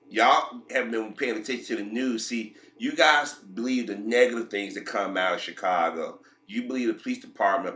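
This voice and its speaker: Still recovering from a head cold, a commentary vlogger delivers emphatic opinions full of repeats and restarts. His medium-pitched voice sounds pushed and bright, and the recording is roomy.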